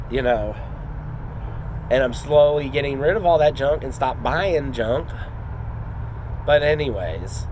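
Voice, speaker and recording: A man's voice: medium pitch, noisy background. A man speaking off the cuff in an earnest, rambling, casual vlog style. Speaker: wrestling student.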